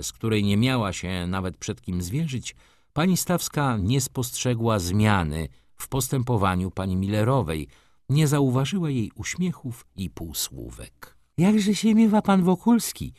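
Man reading a novel aloud, low voice, dramatic and expressive, super dry. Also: measured pace, dry recording. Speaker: audiobook narrator. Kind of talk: scripted narration.

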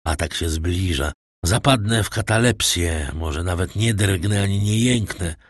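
A man voicing a gravely ill old priest, a prisoner, in a husky, low, strained and pleading voice for an audiobook. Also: unhurried, no echo, clean studio sound. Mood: faltering, grave. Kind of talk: audiobook character voice.

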